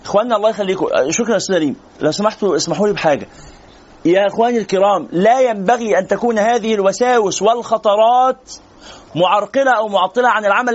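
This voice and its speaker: A man with an Egyptian Arabic accent teaches a religious lesson in a high voice and at a very rapid pace. He talks to the class conversationally and takes their questions as he goes. The recording is dull and lo-fi.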